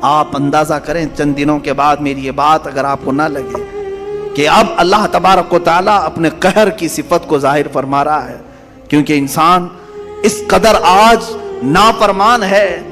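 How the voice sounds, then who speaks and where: Guy preaching fired up, kinda high voice, long hall echo, music underneath. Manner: impassioned, rising to loud emphatic peaks. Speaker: Islamic preacher. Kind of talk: sermon. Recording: echoey hall with music behind.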